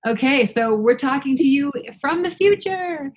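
A woman's voice: sits high, animated, normal speed. A woman interviewing a guest in a casual, encouraging way, with frequent fillers. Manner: friendly, encouraging, many fillers.

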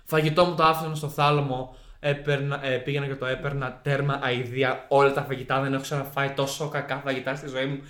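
A man's voice: mid-range voice, level tone, a bit bright, reverberant. A young man telling a story in a slangy, rambling way on a casual podcast.

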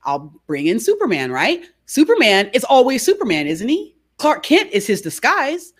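Animated woman coach telling stories. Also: fairly high pitch, normal speed. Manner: animated storyteller, frequent "right?". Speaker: guest, behavior coach. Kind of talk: conversational interview.

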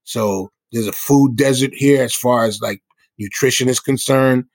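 A middle-aged man from the South Bronx in New York City, a hip hop musician appearing as a guest, answers interview questions. His mid-range voice moves at a normal speed, and he sounds earnest, explanatory and conversational. The recording is dry.

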